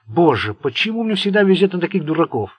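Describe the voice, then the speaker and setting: A man voicing a furious, hysterical male crime boss who shouts insults. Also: medium pitch, animated, fast, breathy edge, dry recording.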